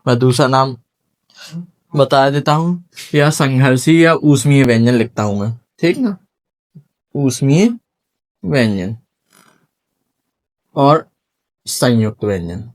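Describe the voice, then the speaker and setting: A man's voice: medium pitch, lively intonation, slow, pauses often. A man teaching a classroom lesson at a whiteboard, sounding out syllables one by one and quizzing his students.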